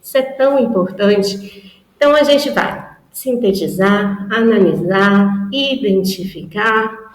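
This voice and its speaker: A woman with a Brazilian Portuguese accent giving a didactic teacher training talk, asking rhetorical questions and slowly stretching example words syllable by syllable. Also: mid-range voice. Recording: roomy echo.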